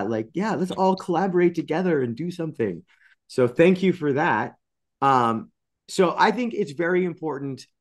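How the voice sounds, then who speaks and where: Animated man hosting a video call interview. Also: medium pitch. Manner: animated, expressive, excitable. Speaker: interview host. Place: home studio with colored light strips.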